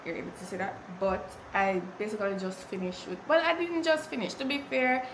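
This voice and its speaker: A woman with a Jamaican accent talks casually to her vlog viewers. Her voice sits at a middling pitch, and she slips informally into Patois. There is clear ambient noise behind her. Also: lively intonation, brisk, low-quality recording. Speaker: lifestyle vlogger. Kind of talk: casual chatty vlog talk.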